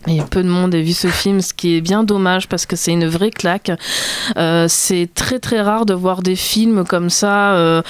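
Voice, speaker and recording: Chatty young woman, smooth voice. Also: fairly low pitch, fairly even intonation, a little slow. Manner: chatty, enthusiastic, self-deprecating. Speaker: film radio show panelist. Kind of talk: casual chat, presenting a year-end film list. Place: radio studio.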